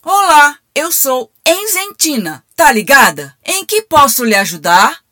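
A woman's voice: high-pitched, very animated, unhurried, sharp tone, full character voice. A Brazilian woman playing a cheeky, slangy AI telemarketing assistant in a comic radio play. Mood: breezy. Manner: breezy, slangy, scripted assistant patter. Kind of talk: radio comedy sketch acting.

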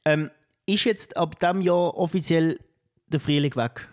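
Co-hosting a podcast, a young man with a Swiss German accent chats casually in a slangy, animated way and keeps saying "bro." His voice is a little high and his pace measured.

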